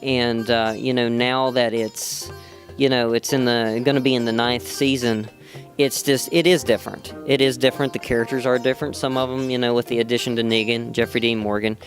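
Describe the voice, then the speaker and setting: This man, an actor from West Virginia, talks a little fast in a mid-range, level voice while being interviewed at a fan convention. Music plays loudly in the background, and his rambling replies are peppered with "you know" and restarted thoughts.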